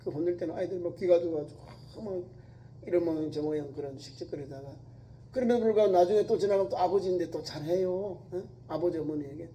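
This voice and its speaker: A man's voice: high voice, fast, warm tone, poor audio. A male pastor preaching a sermon with emphasis, repeating phrases and acting out quoted lines.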